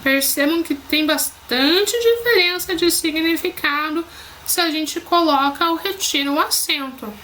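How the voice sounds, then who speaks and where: A Brazilian woman teacher giving a recorded lesson for children, speaking clearly and spelling words out slowly by syllable. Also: very high voice, pushed and bright, slight background noise, low-quality recording. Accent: Brazilian Portuguese.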